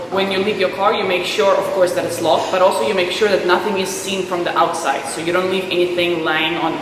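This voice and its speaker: Woman in a heavily echoing, noisy room. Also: lowish voice. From Belarus and South Africa. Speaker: interviewee. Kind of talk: casual informative interview. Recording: strongly echoing room with background noise.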